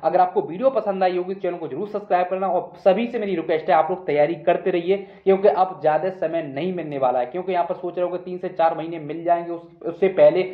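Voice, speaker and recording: A man presenting an exam news video gives candidates an informal, instructive explainer, often repeating himself and checking in with them. He talks fast in a high voice with fairly even intonation and few pauses. The audio has a roomy echo and sounds dull and muffled.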